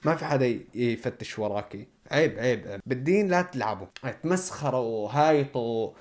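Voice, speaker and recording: A man's voice: medium pitch, animated, brisk, a little mellow. A man with a Levantine accent hosting a reaction video, sarcastic and exasperated. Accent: Levantine Arabic. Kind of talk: mocking commentary.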